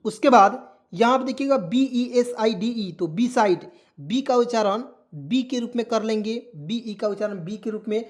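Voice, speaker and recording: An English teacher with a high voice and a moderate pace walks his viewers through a spelling lesson one step at a time. He calls them friends, asks them questions and then answers those questions himself.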